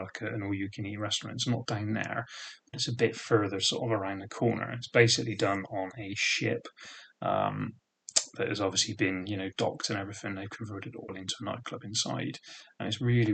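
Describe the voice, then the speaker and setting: A man in his thirties with a thick regional British accent reminisces casually and at length, like a vlogger. His voice sits on the low side, gravelly and husky yet fairly bright, and he rambles with plenty of "sort of" and "um" fillers. The recording is rough.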